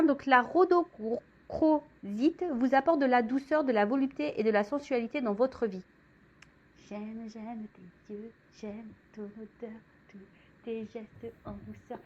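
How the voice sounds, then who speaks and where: A woman's voice: sits high, lo-fi sound. A woman doing a casual tarot and crystal reading, chatty and full of asides to her viewers. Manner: chatty, many fillers, warm asides to viewers. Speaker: tarot reader. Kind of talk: casual spoken card reading.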